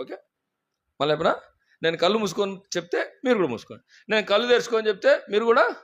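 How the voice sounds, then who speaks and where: A man's voice: high-pitched, a bit bright. A man preaching a sermon. He tells funny stories and keeps asking the congregation questions. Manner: humorous storytelling preacher, asks the congregation questions. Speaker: pastor.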